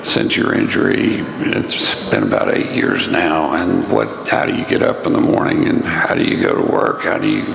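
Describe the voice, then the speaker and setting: A man with a raspy, gravelly voice giving an informal motivational keynote in a halting, rambling, self-deprecating way. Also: low-pitched, sing-song, a bit bright. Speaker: keynote speaker. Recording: echoey room with clear noise.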